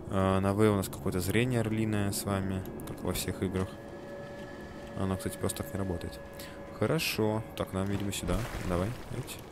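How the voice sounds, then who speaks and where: Low-voiced man in casual game commentary. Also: background noise. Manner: joking, swears casually, reads game text aloud. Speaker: gamer playing a video game. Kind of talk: casual let's-play commentary. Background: game music.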